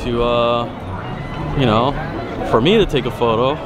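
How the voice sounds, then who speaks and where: A man's voice: mid-range voice, a little slow, over loud music. Chatty young man vlogging to camera. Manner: chatty, joking, talks to viewers. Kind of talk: casual travel vlog. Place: outdoors at a busy seaside mall. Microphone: handheld camera at arm's length.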